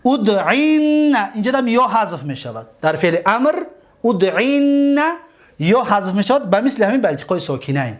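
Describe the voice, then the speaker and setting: A man with a Tajik-accented Persian voice teaching an Arabic grammar lesson, reciting verb forms slowly and often checking that listeners follow. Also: sits high, sing-song. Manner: drills verb forms slowly, stretching each word.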